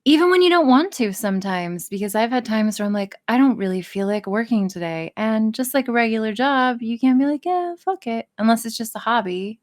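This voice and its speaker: Expressive and a little high, her voice runs fairly quick with hardly any pauses. She is an audio roleplay artist on a podcast, and the casual interview is full of blunt, emphatic remarks and free swearing.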